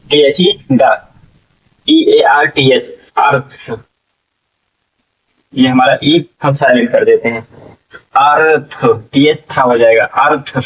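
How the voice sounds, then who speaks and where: A man's voice: on the high side, recorded from a distance, phone-quality sound. A man teaching English reading to learners, spelling words out letter by letter and often checking in with "ठीक है". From India. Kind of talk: slow spelling-out classroom lesson.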